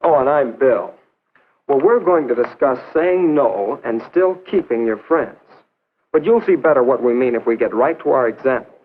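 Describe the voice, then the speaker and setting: A man acting a courteous discussion leader, measured and slightly stiff, in 1950s educational film style. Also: medium pitch, animated, natural voice. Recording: noisy, phone-like 1950s film soundtrack.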